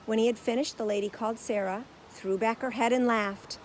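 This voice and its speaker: A woman's voice: fairly high pitch, steady tone, fairly quick, a little hiss or hum, rough recording. Woman reading a storybook aloud. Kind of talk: storybook read-aloud narration.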